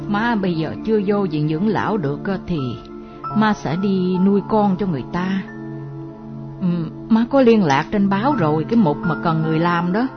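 A woman playing a frail elderly mother who pleads gently with her family. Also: fairly low pitch, natural voice. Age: older. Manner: pleading, self-effacing. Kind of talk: melodramatic radio drama acting. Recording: dull lo-fi recording with music.

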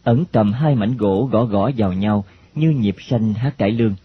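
A man narrating a story in a plain, steady reading. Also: on the low side, normal speed, slightly rough. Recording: dull lo-fi recording, faint hiss.

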